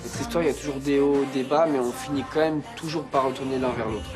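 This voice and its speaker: A young man gives a casual confessional in a medium-pitched voice. Music plays clearly underneath as he talks. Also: steady tone, fast. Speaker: reality show contestant. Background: music bed.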